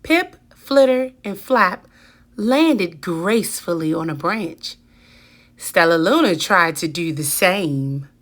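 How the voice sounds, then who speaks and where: A woman reading a children's picture book aloud with deliberate, dramatic emphasis. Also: on the low side, lively intonation, a bit bright. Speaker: children's story reader.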